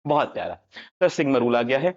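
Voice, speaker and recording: A man's voice: medium pitch, big pitch swings, a little fast. A man teaching a lesson, playful and jokey, switching between Hindi and English. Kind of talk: animated classroom lecture. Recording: dull lo-fi sound.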